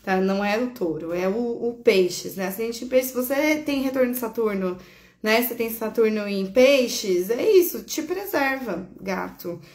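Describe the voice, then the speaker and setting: A woman's voice: on the high side, animated, normal speed, darkish tone. Chatty Brazilian astrologer woman, echoey room. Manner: chatty, affectionate, laughs often, corrects herself. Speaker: astrologer host. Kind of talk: casual live horoscope chat.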